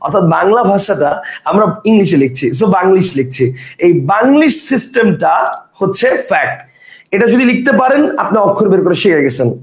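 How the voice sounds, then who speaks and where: Male teacher, bright high voice, lively quizzing classroom delivery, echoey room. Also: normal speed. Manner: lively, repeats points, asks the class questions. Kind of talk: classroom grammar lecture.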